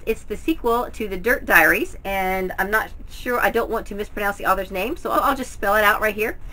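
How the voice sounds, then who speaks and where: A woman's voice: medium pitch, bright, forceful tone, rough recording. A middle-aged woman talking casually to camera at home, presenting books like a vlogger. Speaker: book haul vlogger. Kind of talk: casual, chatty book review to camera. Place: indoors at home, in front of bookshelves.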